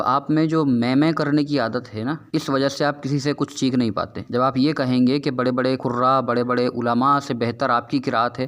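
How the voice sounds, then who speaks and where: A man's voice: mid-range voice, fairly bright tone. A man narrating a rebuttal video in a formal, admonishing tone, addressing another speaker directly. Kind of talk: scripted commentary and rebuttal.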